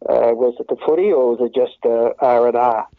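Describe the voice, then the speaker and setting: A man's voice: mid-range voice, fairly quick, no room sound. A middle-aged Australian man chatting over the phone in a casual, blokey, joking manner as a podcast guest. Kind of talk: casual chat. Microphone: phone call. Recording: tinny, dry phone line.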